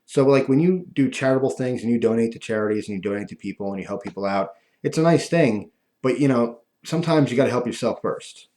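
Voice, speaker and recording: A man talking casually and ramblingly to viewers, with a lispy voice from missing front teeth that softens his F and V sounds. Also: medium pitch, quick pace. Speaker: video host.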